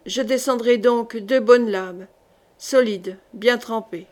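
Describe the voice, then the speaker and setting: A gruff older jailer speaks slowly and evenly, with a dry irony under his politeness, as a woman reads him in an audiobook. The voice sits fairly high, in a plain storybook reading. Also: darkish tone. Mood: calm ironic. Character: gruff older male jailer, calm and ironic.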